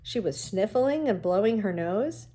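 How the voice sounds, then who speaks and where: Reading a novel in a teacherly way, this woman uses an expressive storytelling style with asides that explain things. Her voice sits in the mid-range, and she keeps a measured pace.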